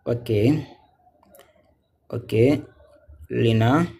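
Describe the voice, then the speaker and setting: A man's voice: mid-range voice, drawn-out words, creaky, darkish tone. A man teaching a live online reading lesson, patiently repeating syllables and words, asking students questions and praising their answers.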